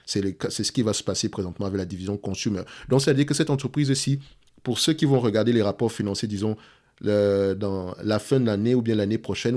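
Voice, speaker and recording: Homme au ton hésitant, voix grave. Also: male voice, lowish voice, darkish tone. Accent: French speaker's accent in English. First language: French. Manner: hesitant, repeats words, checks in with "d'accord?" and "ok?". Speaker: investment analyst, channel host. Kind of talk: screen-share stock analysis walkthrough.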